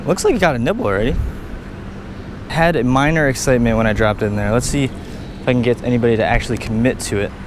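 A young man in his twenties filming a casual fishing vlog outdoors by a pond on a body-worn camera, excitable and saying "literally" and "dude" a lot. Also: medium pitch, fast, background noise. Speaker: fishing vlogger. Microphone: action camera worn on body.

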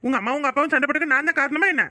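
A fussy, whiny old grandfather from a cartoon, as a man plays him, with a Tirunelveli Tamil accent. He talks fast in a bright, pushy voice and grumbles at everyone. The sound is dry and close. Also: extremely high pitch, fairly even intonation, dry recording, heavily acted. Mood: irritable. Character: grumpy old grandfather, bossy and cranky.

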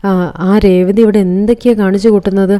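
Lady putting on a gossipy spiteful mother-in-law, quick and complaining, warm low tone. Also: steady tone, close to an everyday voice. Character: middle-aged mother-in-law, nosy and spiteful.

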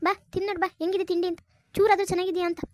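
A woman's voice: extremely high pitch, level tone, very fast, darkish tone, a little hiss or hum. A woman voicing a bossy mother-in-law in a cartoon, scolding and nagging.

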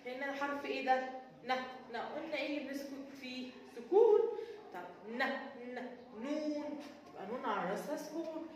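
Egyptian woman, kindergarten teacher, high voice, sing-song questions, echoey room, distant mic. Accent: Egyptian Arabic. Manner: sing-song, asks and answers her own questions. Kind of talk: recorded children's lesson.

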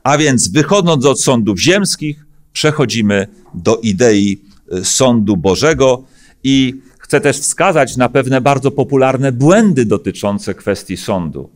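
A man's voice: medium pitch, lively intonation, a little slow. A middle-aged Polish pastor delivers a sermon from a lectern microphone in a church hall. He builds earnest, emphatic rhetorical questions, broken up by frequent hesitant fillers. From Poland.

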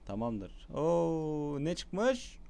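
Excitable young gamer. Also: male voice, on the high side, extremely slow, vocal fry, clear, resonant tone. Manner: excitable, shouts at the game, chatty with viewers. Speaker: gaming YouTuber. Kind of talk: casual gameplay commentary.

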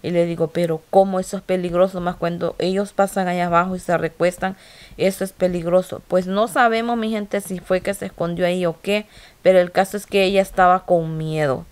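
A woman's voice: lowish voice, darkish tone. A middle-aged woman, emotionally retelling a story to her viewers in casual vlog style. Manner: emotional, repetitive retelling with quoted dialogue. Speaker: vlogger.

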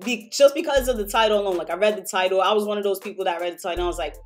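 A woman talking in a casual reaction vlog, excitable, slangy and profane. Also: medium pitch, racing, faint music behind. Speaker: anime reaction YouTuber.

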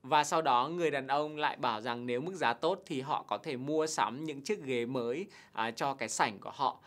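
A man teaching a televised English test lesson, explaining answers patiently and slowly repeating English words for students to copy. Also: medium pitch, a bit bright. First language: Vietnamese. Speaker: TOEIC teacher.

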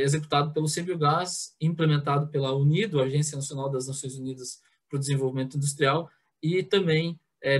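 A man in his thirties giving an online conference presentation over a headset mic, hesitant, with many filler sounds and restarts. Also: a little high. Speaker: president of a biogas association giving a talk. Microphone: headset on a video call.

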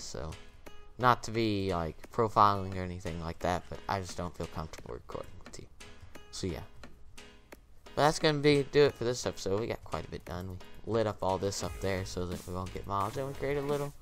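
A man giving a casual, rambling gameplay commentary rant, aggrieved and halting, with lots of fillers. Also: lowish voice, a bit bright, smooth. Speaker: gaming YouTuber.

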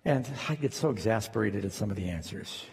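A man's voice: on the low side, expressive, brisk, creaky, darkish tone, breathy edge, in a large hall. A man preaching a sermon as a pastor, telling stories and rising into emphatic questions.

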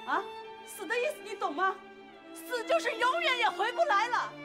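Shrill scolding aunt. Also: female voice, big pitch swings, fairly quick. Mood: harsh. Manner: scolding, sharp-tongued nagging. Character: shrill short-tempered aunt, young mother. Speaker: aunt and young mother. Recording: loud music score behind.

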